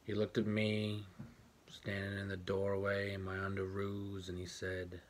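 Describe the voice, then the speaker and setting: An actor playing a guarded, bitter grown man who quietly recalls the day his mother left, in a clipped, plainspoken monologue over a home webcam. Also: on the low side, monotone, a little slow, slight background noise, close to an everyday voice. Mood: subdued. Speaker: actor performing a film monologue. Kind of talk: stage monologue, told to a listener. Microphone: home webcam for an online event.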